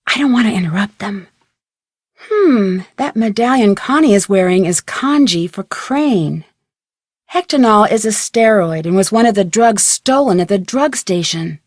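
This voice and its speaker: In a studio-quality recording with no room sound, a woman voices an inquisitive, polite teenage girl detective in an adventure game. Her mid-range voice is a little mellow, and her earnest, scripted lines come across matter-of-fact.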